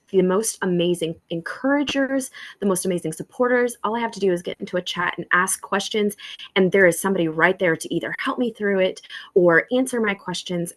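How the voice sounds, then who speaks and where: A woman hosting a welcome call for new members, chatty and encouraging. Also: medium pitch. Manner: encouraging, chatty, acts out little dialogues.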